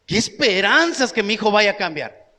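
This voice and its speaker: Male pastor, very high voice, emphatic preaching with sharp pitch jumps, long church-hall echo. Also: very animated, moderate pace. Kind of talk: sermon.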